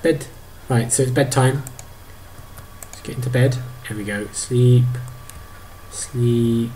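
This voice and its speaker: A man in his thirties narrating a video game to his toddler, animated, exclaiming and making playful sound effects. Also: mid-range voice, takes it slowly, a little hiss or hum. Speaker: parent playing a video game.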